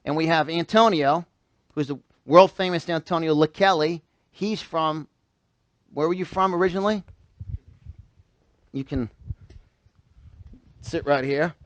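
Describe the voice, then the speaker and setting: In a live event room with a small audience, a New York motivational speaker delivers his seminar a little slowly, pausing often, in a fairly high voice. He repeats phrases emphatically and fires questions at the crowd, and there's no echo.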